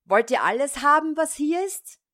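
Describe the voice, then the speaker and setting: A woman's voice: a little high, animated, measured pace, voice pushed up. A woman voicing a tiny, cheeky thumb-sized boy in a storybook reading, pert and teasing. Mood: shouting. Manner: pert, teasing, loud shouting.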